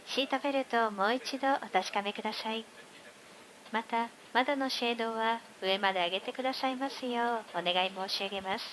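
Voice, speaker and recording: A woman's voice: fairly high pitch, racing, rough recording. A woman cabin crew member reading scripted in-flight announcements over an aircraft PA. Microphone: cabin PA, picked up from speakers. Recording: cabin PA buried in loud noise. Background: loud cabin noise.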